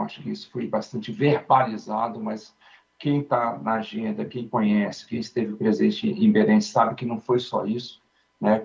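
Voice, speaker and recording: A Brazilian man takes his turn on a conference panel, walking the audience through the points in a patient, explanatory way. His voice has a gravelly, fry-edged texture and sits at an ordinary pitch. The recording is muffled and a little lo-fi. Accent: Brazilian Portuguese. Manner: explanatory, often tags sentences with "né". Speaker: industry panelist. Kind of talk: panel discussion.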